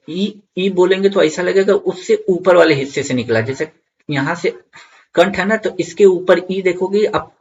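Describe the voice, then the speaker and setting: A man's voice: a little high, vocal fry, dull audio, a little hiss or hum. Repetitive, coaxing male exam teacher. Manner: repeats key points, checks in with viewers. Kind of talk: online Hindi grammar lesson.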